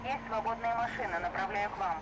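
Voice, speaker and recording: A man's voice: sits high, brisk. A man voicing a police dispatcher who gives clipped codes and orders over a police radio. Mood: brisk. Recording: police radio over loud game noise.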